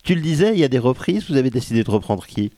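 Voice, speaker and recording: A man's voice: mid-range voice, sing-song, very fast, warm tone, no room sound. A man interviewing a musician, giving short acknowledgements and steering the talk with questions. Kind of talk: radio-style interview.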